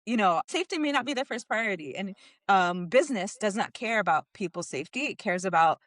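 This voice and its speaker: A woman's voice: mid-range voice, lively intonation, quick pace, a bit bright, no room sound. A woman co-hosting a podcast, telling a personal story in a candid, conversational way with frequent filler words. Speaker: podcast co-host.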